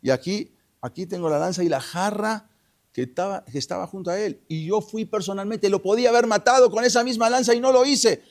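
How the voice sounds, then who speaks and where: A man voicing a bold, righteous young male leader who calls out loudly and accusingly. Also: high voice, animated, brisk, vocal fry, voice pushed up. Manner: loud, raised, accusing calls.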